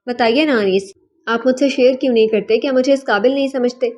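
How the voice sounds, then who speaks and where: A woman voicing a devoted young wife in an audiobook, with a gentle, heartfelt and tearful delivery. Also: a little high, close to an everyday voice. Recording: dull lo-fi recording.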